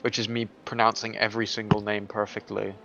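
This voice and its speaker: A man's voice: on the low side, monotone, a little fast, creaky, a bit bright, a little hiss or hum. Chatty male co-commentator, joking banter, somewhat muffled sound. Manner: chatty, laughs, trails off mid-sentence. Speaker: race co-commentator. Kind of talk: casual commentary chat.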